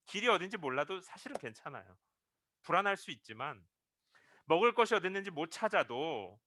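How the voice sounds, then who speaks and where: A man preaching a Sunday sermon. His pitch swings widely as he tells stories and acts out the quoted lines, and his tone is bright and forceful. He is close to the microphone, and the sound is dry. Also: no echo. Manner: storytelling with acted-out quotes, rising to emphatic peaks. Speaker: pastor.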